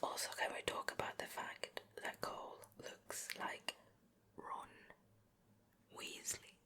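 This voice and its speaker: A woman who creates and hosts ASMR videos does an unhurried, chatty show and tell in a soft, breathy whisper. She's recorded close up on an ear-to-ear stereo microphone.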